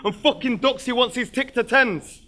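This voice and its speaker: Brash battle rapper, high and bright. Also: male voice. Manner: brash, rhymed insults delivered fast and loud. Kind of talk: rap battle verse. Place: live battle venue.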